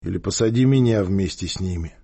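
A man voicing a rough boy gang leader who shouts orders, in a husky voice. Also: deep voice, a little fast, voice pushed down, heavily acted. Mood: sullen.

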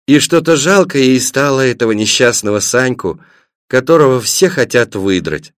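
A man narrating a children's story in an expressive reading, shifting his delivery between scenes. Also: mid-range voice, moderate pace, no room sound, studio quality. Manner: expressive, varied reading with voiced characters.

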